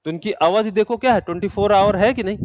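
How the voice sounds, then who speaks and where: A man's voice: high-pitched, quick pace, lo-fi sound, noisy background. A man teaching a geography class, asking his students questions and answering them himself, then dictating notes. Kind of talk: classroom lecture.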